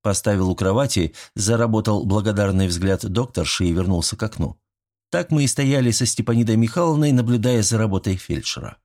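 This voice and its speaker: A man narrating a story in the first person, in an even storytelling manner. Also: lowish voice, fairly quick. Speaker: audiobook narrator.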